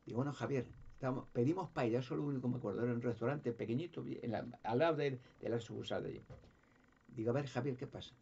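A man rambles through a first-person story, stumbling and repeating words as he hunts for the next one. His voice is husky, and the recording sounds dull and lo-fi. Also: medium pitch, fast, warm tone. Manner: stammering, repeats words while searching. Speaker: speaker recounting his own story.

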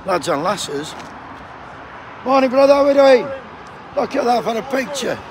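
A man's voice: very high-pitched, very animated, unhurried. A man with a Yorkshire accent chatting and joking with passers-by on a picket line, cold, swearing freely. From Sheffield, England. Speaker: striking postal union picketer. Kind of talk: casual vlog chat. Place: outdoor picket line by a busy road. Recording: noisy roadside traffic outdoors. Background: passing traffic.

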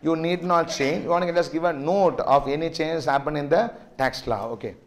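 A man's voice: a little high, moderate pace. A middle-aged man with a South Indian accent lecturing a class, constantly firing questions to check they follow. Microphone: lectern microphone.

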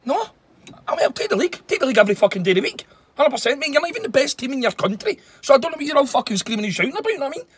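A man's voice: very high-pitched, very animated, racing, no room sound. A man doing an indignant Glaswegian football fan. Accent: Glaswegian Scottish. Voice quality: sweary, indignant banter. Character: defensive adult male football fan, brash and proud. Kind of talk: comedy sketch dialogue.

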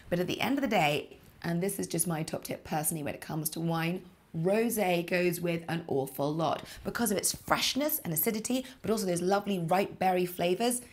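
A woman, giving scripted wine tips to camera from a living room in a lively, emphatic way. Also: fairly low pitch. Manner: lively, expressive, emphatic gestures. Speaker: wine presenter. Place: home living room, indoors.

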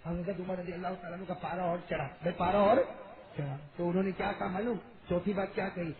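A male preacher telling a story as a sermon, quizzing his audience and shouting to drive points home. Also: high voice, fairly even intonation, reverberant. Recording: tinny lo-fi recording with loud crowd noise.

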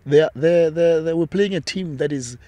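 A man's voice: on the high side, moderate pace, warm tone, no room sound. A young man hosting a football podcast outdoors, asking questions hesitantly with many fillers and restarts. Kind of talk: interview questions. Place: outdoors on a sunny football field. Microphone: handheld mic on a stand.

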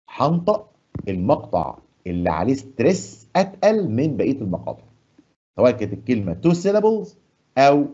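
معلم مصري بصوت منخفض دافئ. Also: male voice, fairly low pitch, breathy edge, lo-fi sound. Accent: Egyptian Arabic. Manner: asks the class questions and answers them himself; stresses English words slowly and loudly. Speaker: English teacher. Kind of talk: classroom lesson explaining grammar and pronunciation. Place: studio.

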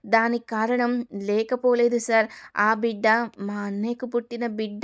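A woman's voice: fairly high pitch, flat delivery, normal speed, close to an everyday voice. A woman voicing an angry, righteous young daughter who accuses and scolds her mother in a storybook reading. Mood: explaining.

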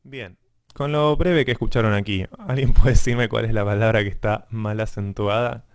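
A man's voice: fairly low pitch, fairly even intonation, normal speed. A man teaching a music class, explaining patiently and checking understanding with frequent questions to his students. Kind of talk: online class lecture.

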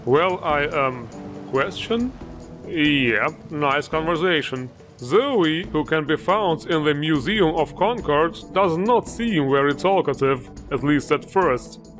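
A man with a slightly high voice delivers a sarcastic video game review. He sounds sardonic and exasperated and swears freely. Music plays faintly behind him. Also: expressive, slow pace, a bit bright. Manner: sardonic, exasperated, foul-mouthed. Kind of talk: sarcastic scripted review narration.

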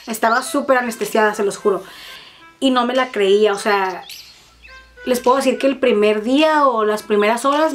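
Mexican woman vlogger, brash dramatic storyteller, slightly high voice, soft music under. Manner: fast, profane, dramatic storytelling. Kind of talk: casual storytime chat.

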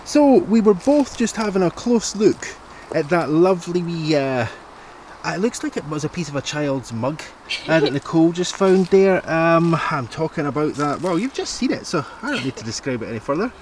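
A man's voice: fairly high pitch, very animated, moderate pace, a little mellow, a little hiss or hum. A Scottish man co-hosting a digging video, chatting playfully outdoors and laughing often. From Scotland. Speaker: mudlarking channel co-host. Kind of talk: casual chat while digging. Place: outdoors at a bottle dump.

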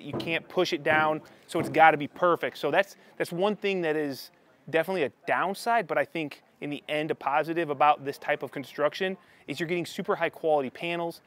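A man's voice: a little high, fairly bright tone. A man in his thirties with a lapel mic, chatting eagerly as he tours a construction site and explains what he sees. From United States. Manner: enthusiastic, chatty, explaining as he walks. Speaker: construction vlogger. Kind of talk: casual walkthrough vlog. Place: construction site, in a tool container and on an open upper floor.

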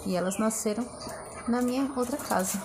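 A woman's voice: fairly high pitch, normal speed, noisy background. A woman in a casual cooking vlog, chatty and playful. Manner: chatty and playful, sings silly made-up French lyrics. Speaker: vlogger.

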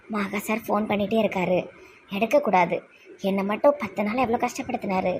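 A woman's voice: mid-range voice, a little fast, a little mellow, a little hiss or hum, natural voice. A woman playing a tender-hearted young clinic doctor in a comedy skit, with a Tirunelveli Tamil accent and a tearful, exclaiming manner. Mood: annoyed. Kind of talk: amateur comedy skit acting.

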